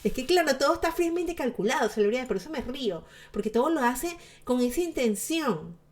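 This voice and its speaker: Chatty woman vlogger, a bit high. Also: brisk. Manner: chatty, lively, laughs often, sarcastic asides. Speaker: celebrity gossip vlogger. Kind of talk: casual commentary to viewers.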